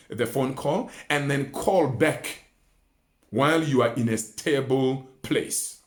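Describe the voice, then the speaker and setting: An animated man from Botswana with a medium-pitched voice teaches in an echoey indoor room. A research mentor and communication coach, he gives an instructional talk built around numbered tips, speaking emphatically and didactically with rhetorical questions and repetition.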